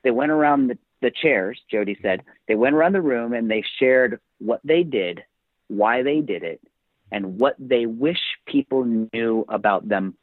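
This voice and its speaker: Author on a tinny phone line. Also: male voice, medium pitch, lively intonation, a little slow, no room sound. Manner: storytelling, emphatic, motivational speaker. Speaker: author and podcast guest. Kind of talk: podcast interview.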